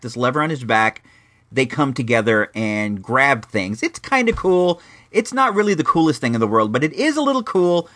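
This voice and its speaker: A man's voice: medium pitch, fairly bright tone. A middle-aged man hosting a vintage toy show in a rambling, slangy, casual way with wry asides. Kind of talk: casual chatty retro toy review.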